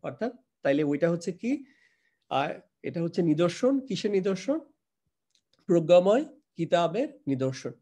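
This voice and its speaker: Higher-voiced man teaching Arabic grammar. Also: big pitch swings, normal speed, pauses often, warm tone. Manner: patient step-by-step explaining, mixing English terms; quizzes students and repeats their answers. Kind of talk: live online class lecture.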